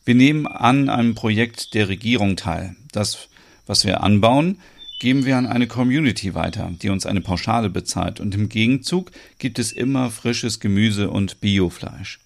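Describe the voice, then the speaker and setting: A man's voice: fairly low pitch, normal speed, vocal fry, a little hiss or hum. A man playing Bjarne, a friendly farmer of about forty who patiently explains how his farm works. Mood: explaining.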